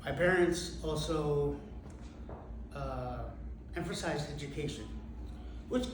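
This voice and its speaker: A man from India telling a personal story on stage, halting and self-mocking, with many fillers. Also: on the high side. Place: theater stage. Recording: echoey hall recorded from far off, with noise.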